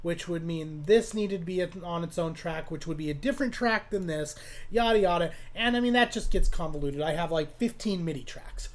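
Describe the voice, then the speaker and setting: A man's voice: fairly high pitch, animated, normal speed. A man hosting a casual music production tutorial, rambling and profane, with many fillers and restarts. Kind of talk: casual screen-recorded tutorial.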